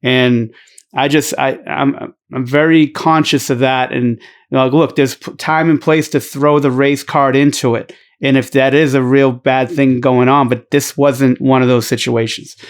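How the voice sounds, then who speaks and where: Blunt Boston-accented man. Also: mid-range voice. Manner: blunt, emphatic, swears freely, many restarts. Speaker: podcast guest. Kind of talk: casual podcast chat.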